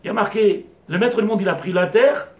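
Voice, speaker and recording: A man's voice: high-pitched, fairly quick, a little mellow. A man, a rabbi, giving a Torah class to a small audience, digressive, firing rhetorical questions at the class and mixing in Hebrew terms. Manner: mixes Hebrew terms into French. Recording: echoey room.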